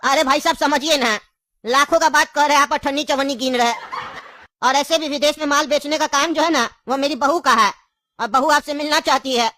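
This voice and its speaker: A woman's voice: sits high, fairly even intonation, fairly quick, sharp tone, no room sound. A woman playing a scheming, grieving old grandfather in a comedy skit, coaxing and insistent and laughing through her lines. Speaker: comic skit actor.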